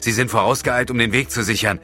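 A man's voice: fairly even intonation, fast, bright, forceful tone, faint music behind, lightly acted. A man voicing a nervous, easily flustered male guide in an audiobook, pushing his voice up tight and strained. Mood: angry. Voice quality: strained and high.

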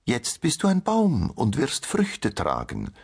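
A man's voice: mid-range voice, wildly swooping pitch, slow, creaky, breathy edge, pitched above the performer's own voice, heavily acted. A man voicing a small, boastful magical nut that mutters spells in a storybook tale.

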